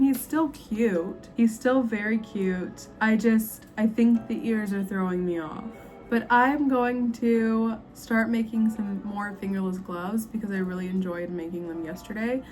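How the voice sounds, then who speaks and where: A woman's voice: mid-range voice, darkish tone. A young woman chatting casually in a vlog, self-doubting and full of ums, her voice a little worn. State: slightly losing her voice. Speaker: crochet vlogger.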